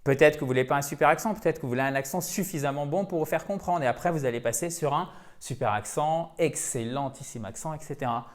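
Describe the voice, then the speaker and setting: A man teaching English pronunciation in French in a video lesson, lively and chatty, repeating words for practice. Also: a little high, fast. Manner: energetic, repeats words for drilling, chatty asides.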